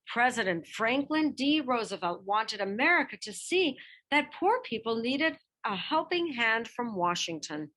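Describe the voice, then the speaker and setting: A woman with a fairly high-pitched voice reads a picture-book biography aloud as scripted narration. Her delivery is expressive, with deliberate emphasis.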